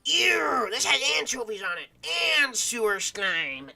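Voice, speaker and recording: A man voicing a fussy male pizza-loving sewer rat in a squeaky, prissy way, with gaming music faint behind. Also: sing-song, unhurried, vocal fry, pushed and bright, full character voice.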